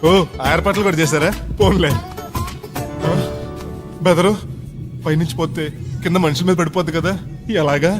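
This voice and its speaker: An actor playing a naive, middle-aged village man on his first flight, loud and rustic, mangling English words. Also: a little high, fairly even intonation, moderate pace, long pauses, lightly acted. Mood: chatty. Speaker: actor in a film comedy scene. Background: film background music.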